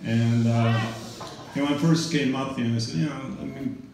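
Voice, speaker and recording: With a gravelly, mid-range voice and a steady tone at normal speed, a middle-aged man rambles through an informal memorial speech, peppered with "you know" and wry jokes. The large event room is very echoey, the mic distant and the background noisy.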